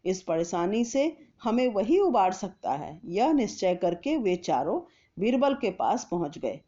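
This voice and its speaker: A woman with a mid-range voice narrates a scripted children's story, deliberate and expressive in her storytelling. The recording is muffled.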